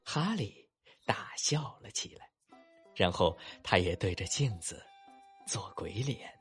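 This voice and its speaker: A man narrating a children's story and talking to young listeners afterward, with animated asides. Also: fairly low pitch, takes it slowly, soft background music. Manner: animated, warm-toned coaxing asides to kids.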